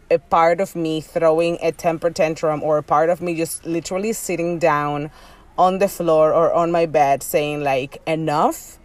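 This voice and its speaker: A woman with a Dominican accent speaking as a podcast host and business coach, in a candid, conversational motivational monologue addressed straight to listeners. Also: fairly low pitch. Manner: conversational, direct address, with frequent y'all.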